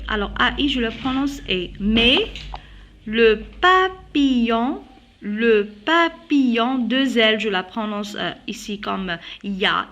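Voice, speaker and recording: Slow-speaking teacher woman, repeating words. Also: fairly high pitch, fairly bright tone. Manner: slow, drawn-out modeling of words, repeated twice. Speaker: primary school teacher. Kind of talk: phonics lesson. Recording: dull lo-fi video audio.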